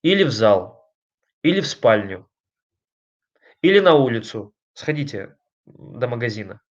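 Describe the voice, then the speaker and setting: A man giving an online lecture on family communication, talking emphatically and conversationally, putting questions to his listeners and pausing on fillers between points. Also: medium pitch, big pitch swings, dull audio. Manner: emphatic, conversational, addresses listeners directly with frequent rhetorical questions.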